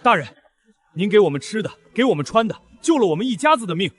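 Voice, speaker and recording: A man playing a fervent, rough refugee swearing violent loyalty in a dramatised story, with a husky voice. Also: high-pitched, sing-song, fast, heavily acted.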